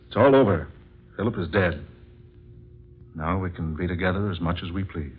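A husky, smug killer. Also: male voice, low voice, normal speed. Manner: silky and condescending, turning to frantic shouting. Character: smug male killer, later terrified. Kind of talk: old-time radio drama acting. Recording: lo-fi old radio recording with music.

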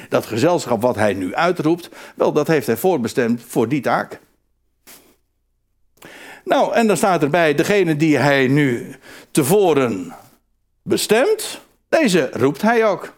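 A man preaches a sermon with a fairly high voice at a measured pace. He is animated and emphatic, repeating phrases and often restarting them.

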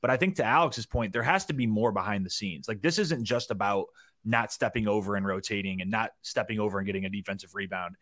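Man, lowish voice, sports-podcast analyst, animated, dry mic. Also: quick pace, no room sound. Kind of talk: casual sports podcast chat.

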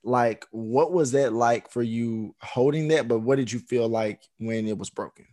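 A man's voice: medium pitch, normal speed, dark tone. A man hosting a casual interview, asking questions in a conversational way and repeating phrases as he frames them. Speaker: interviewer, host.

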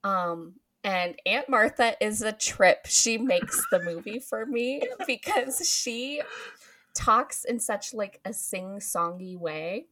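A woman's voice: mid-range voice, expressive, takes it slowly, fairly bright tone. A woman host casually recapping a film's plot, laughing often and filling with um and like. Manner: giggly, frequent ums and likes. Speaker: podcast host recapping a film. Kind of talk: casual chat.

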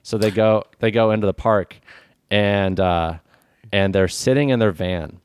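Smooth low-voiced man riffing a story. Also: unhurried, no echo, studio quality. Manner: loose rambling with many fillers. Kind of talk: improvised comedy storytelling.

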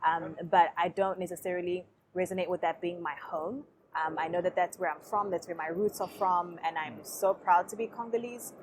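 A young woman from Africa, talking as a podcast guest in a relaxed, reflective way. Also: on the low side, fairly quick, few pauses, slight background noise. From South Africa. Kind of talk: casual interview conversation.

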